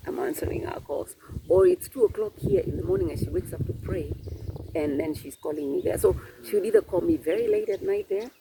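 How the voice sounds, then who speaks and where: A man's voice: fairly high pitch, wildly swooping pitch, fairly quick, creaky, noisy background. A man being interviewed, explaining things patiently in a casual chat and laughing often. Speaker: guest.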